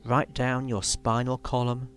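A man leading a guided relaxation in a soothing, measured way, leaving long pauses between instructions. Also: medium pitch, completely flat delivery, fairly bright tone. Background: music.

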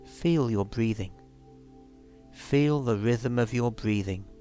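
A man leading a guided relaxation in a soothing, measured way, leaving long pauses between instructions. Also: medium pitch, warm tone. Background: music.

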